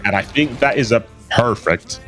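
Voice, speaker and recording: This esports co-commentator is a man with a mid-range, slightly bright voice at a moderate pace, trading playful, joking banter over a live fighting game. He sounds loose and laughing, and soft music plays in the background.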